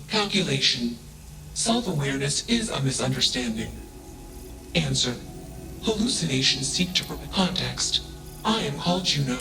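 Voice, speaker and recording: Game role: emotionless AI ship, gravelly voice, clipped tagged phrases, music under it. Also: male voice, mid-range voice, poor audio. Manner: emotionless, clipped machine speech that labels each statement. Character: cold emotionless male AI starship mind. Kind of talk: video game voice acting.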